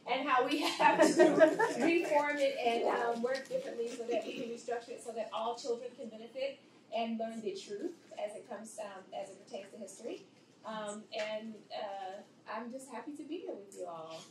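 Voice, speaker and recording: A woman's voice: fairly high pitch, moderate pace, a crowd in the background. A middle-aged woman, an educator, speaking informally as a panelist. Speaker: college educator and psychologist on a panel. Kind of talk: casual panel talk. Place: indoor convention panel room. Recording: echoey noisy room, distant mic.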